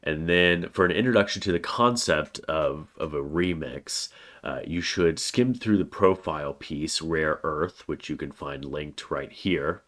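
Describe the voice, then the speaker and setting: A college writing teacher with an extremely deep, low voice walks through the week's course overview in a recorded lecture. A cold leaves him a bit congested, and he speaks plainly, steadily, and unhurriedly, dropping frequent "uh" fillers between phrases.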